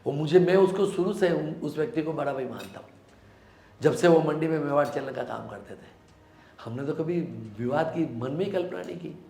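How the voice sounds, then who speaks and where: A man's voice: a little high, brisk, vocal fry, warm tone, roomy sound. A man from Rajasthan, a local politician, giving earnest, emphatic answers in a sit-down interview.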